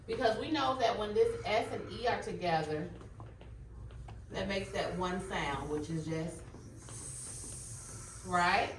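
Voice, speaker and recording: A woman elementary school teacher leading a phonics lesson in a classroom with quiet, calm authority, firm and instructive. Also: mid-range voice, slow, long pauses. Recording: distant mic, echoey room, faint noise.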